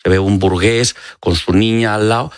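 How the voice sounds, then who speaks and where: A man's voice: fairly low pitch, fairly even intonation, moderate pace, no echo. A man from Extremadura, an eye doctor, explaining as a guest in a radio studio interview, with many fillers and restarts. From Extremadura, Spain. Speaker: ophthalmologist guest. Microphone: studio microphone.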